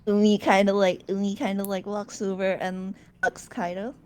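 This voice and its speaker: A woman's voice: mid-range voice, level tone, moderate pace, clear, resonant tone. A woman narrating her character in a tabletop game in a hesitant, casual way.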